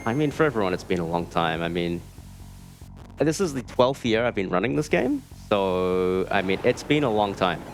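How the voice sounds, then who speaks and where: Speaking in a low, sing-song voice at a moderate pace, this New Zealander casually commentates his own live run at a speedrunning marathon. His humor is dry, and game music plays behind him.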